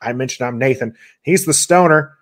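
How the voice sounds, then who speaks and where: A male host runs a loose sports podcast, talking in a chatty, rambling way full of little fillers. His pitch sits at an ordinary middle level. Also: normal speed, a bit bright. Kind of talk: casual sports talk show.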